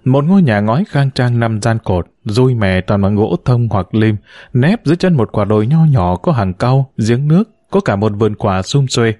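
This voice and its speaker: A man narrating a novel in a steady, measured audiobook reading. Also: medium pitch, dry recording, studio quality.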